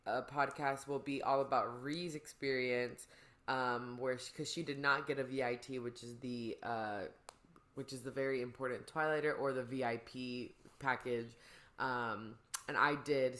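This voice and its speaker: A woman's voice: extremely low pitch, a bit bright. A woman hosting a podcast, chatting casually in a rambling, slangy way. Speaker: podcast host. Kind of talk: casual chat.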